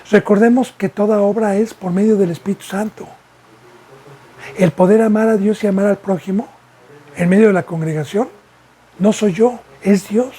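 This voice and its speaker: Male pastor, husky voice, teaching sermon full of rhetorical questions. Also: sits high, mellow. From Mexico. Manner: preaching with repeated rhetorical questions.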